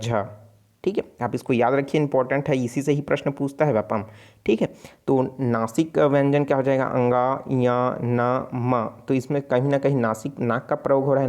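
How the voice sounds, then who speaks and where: Hindi tutor with Chhattisgarhi accent. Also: male voice, medium pitch, a little mellow. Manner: explanatory, repeats sounds aloud, frequent self-corrections. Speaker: online exam tutor. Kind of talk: casual spoken lesson.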